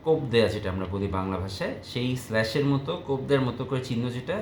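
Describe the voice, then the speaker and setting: A man's voice: mid-range voice, quick pace, darkish tone, slight background noise. A man teaching keyboard typing step by step, calling out each key as he presses it. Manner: calls out each key letter as he types; explains step by step to parents of students. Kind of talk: typing tutorial. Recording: echoey room, faint ambience.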